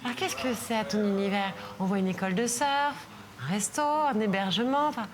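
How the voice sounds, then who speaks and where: A woman's voice: mid-range voice, fairly quick, background noise. A woman hosting a TV travel show, presenting and asking upbeat, prompting questions. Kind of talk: interviewing, presenting.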